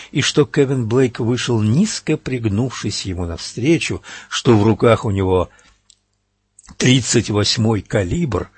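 A man narrating an audiobook in a steady, dramatic reading. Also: lowish voice, slightly rough, dry recording.

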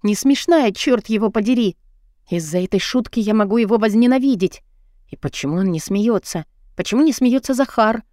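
A woman's voice: mid-range voice, fairly quick, warm tone, dry recording. Female audiobook reader, emotional first-person delivery, dry close mic. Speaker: audiobook narrator.

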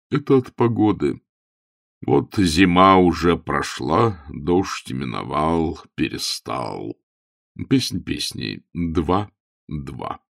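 A man's voice: sits low, creaky, no echo, clean studio sound, exaggerated voice. A man reading an audiobook voices a troubled, pompous elderly bishop who sighs over his troubles and quotes scripture. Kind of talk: audiobook character voice.

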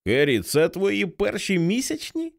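A man's voice: high-pitched, huge pitch swings, a little slow, creaky, pitched above the performer's own voice, exaggerated voice. A man playing a cold, curt gym teacher. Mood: uneasy. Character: cold, harsh young female gym teacher.

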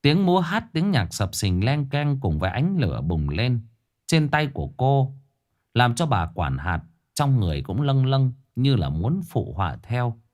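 A man narrating a scripted ghost story in a dramatic, expressive storytelling manner. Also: medium pitch, a little slow.

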